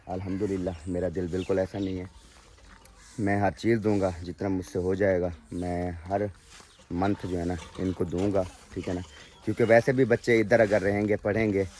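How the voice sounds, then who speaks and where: In a low voice with a darkish tone, a young man from Pakistan talks straight to camera in a relaxed vlog, his accent showing a slight tinge. There's a little hiss or hum in the recording. His delivery is earnest and pleading, dotted with repeated "okay?" tags.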